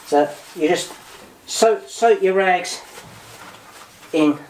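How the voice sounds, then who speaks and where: A man's voice: high-pitched, drawn-out words, darkish tone. An older man, a volunteer boat engineer, explaining in a practical, chatty way as he works. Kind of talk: explaining while working. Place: engine room of a steam tug, indoors. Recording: noisy engine room recording.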